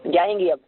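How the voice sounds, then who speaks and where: A man giving a devotional discourse, slowly chanting verses and then explaining them in a conversational way, asking listeners rhetorical questions. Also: high-pitched, gravelly, husky, no echo, phone-quality sound. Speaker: religious lecturer.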